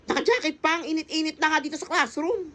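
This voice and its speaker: A woman narrating a comedy skit in a loud, excitable way, often shrieking and joking. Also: high-pitched, fast.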